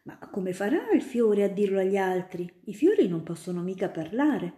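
A woman's voice: mid-range voice, lively intonation, moderate pace, dark tone, natural voice. A woman voicing a curious, eager little girl who keeps asking questions in a storybook reading. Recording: roomy echo.

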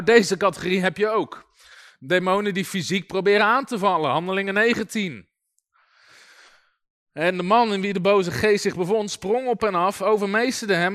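A man preaching in a casual, storytelling way, with a bright, forceful tone and a somewhat high voice. He keeps things lively and funny, full of little asides as he teaches his listeners. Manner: lively and humorous, often chuckling and using fillers like "weet je". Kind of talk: informal sermon with anecdotes.

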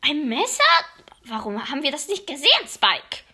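A woman's voice: high voice, full character voice. A woman voicing a brash male crow who stammers and talks in a hurry. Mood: hasty. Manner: stammering, hurried, excitable. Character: brash, flustered male crow, bird-like trickster.

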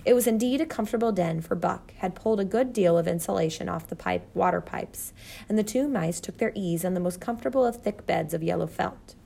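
A woman's voice: lowish voice, a little fast, creaky, warm tone. A woman narrating a children's storybook steadily. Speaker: audiobook narrator.

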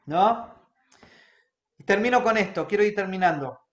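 High-voiced pastor, echoey room. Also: male voice, expressive, normal speed, a bit bright, dull audio. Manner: earnest, checks in with the congregation by asking "right?" again and again. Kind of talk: sermon.

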